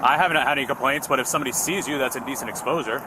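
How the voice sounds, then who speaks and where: A sheriff's deputy questions a woman in a parking lot in a calm, even, reassuring way, recorded on a body camera. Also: medium pitch, racing. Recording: noisy outdoor bodycam audio.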